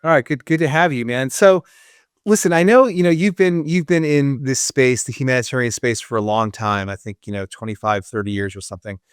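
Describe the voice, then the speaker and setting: Male podcast host, clear voice, close dry mic, loose casual delivery with restarts. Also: medium pitch, brisk, no echo. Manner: conversational, many fillers and restarts. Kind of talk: casual interview chat.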